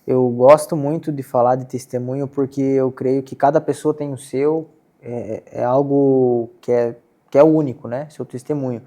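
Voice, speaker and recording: A man's voice: medium pitch, fairly even intonation, normal speed, mellow. A Brazilian man hosting a casual faith podcast interview, asking questions and padding them with fillers. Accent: Brazilian Portuguese. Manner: asks questions with many "cara" and "né" fillers. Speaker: podcast host.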